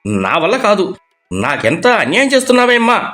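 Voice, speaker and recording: A man's voice: high voice, wildly swooping pitch, moderate pace, sharp tone, faint music behind, full character voice. A man voicing a young adult son who complains about his dinner. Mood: whiny. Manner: complaining, whiny.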